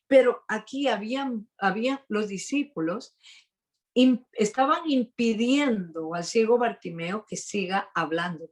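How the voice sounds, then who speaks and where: Slow, slightly hoarse woman preaching. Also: medium pitch. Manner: earnest, with emphatic pauses. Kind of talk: sermon. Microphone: video call.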